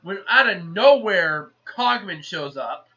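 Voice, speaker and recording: A man giving a casual, rambling movie plot recap in a chatty, animated way. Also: sits high, takes it slowly. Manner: chatty, animated, acts out characters. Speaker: movie reviewer. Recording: slightly muffled lo-fi recording.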